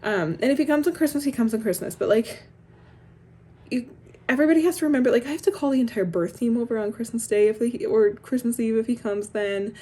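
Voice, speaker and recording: A woman's voice: a little high, fast talker, mellow, husky. A young pregnant woman talking casually to camera in a vlog, rambling with lots of fillers and little laughs. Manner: rambling, frequent "like" fillers, laughs between phrases. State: heavily pregnant. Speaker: vlogger.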